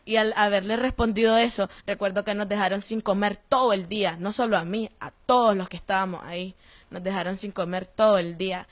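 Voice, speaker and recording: A young woman with a Nicaraguan accent giving a personal testimony in an interview, telling her story in a lively way and acting out the voices of the people she quotes. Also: medium pitch, a little fast. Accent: Nicaraguan Spanish. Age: young adult. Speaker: interviewee, former detainee.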